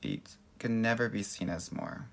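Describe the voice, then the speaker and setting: Answering viewer questions on a laid-back livestream, a Los Angeles dating coach talks like a sassy, effusive girly best friend. The American man's creaky voice is on the low side, with fairly even intonation and a moderate pace.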